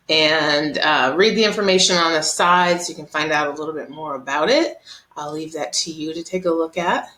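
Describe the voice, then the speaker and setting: A woman with a low voice talks students through an art lesson over slides. She explains in a relaxed, chatty way, often pausing on um and uh. The recording is roomy and echoey. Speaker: art teacher. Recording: roomy echo.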